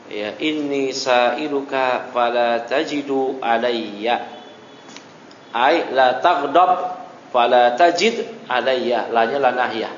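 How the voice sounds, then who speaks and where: A man's voice: medium pitch, slight background noise. Man lecturing in an echoey hall. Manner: reads a line, then explains it, with frequent checking "ya". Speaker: religious teacher. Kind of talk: classroom lecture on a religious text. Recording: dull lo-fi recording in an echoey hall.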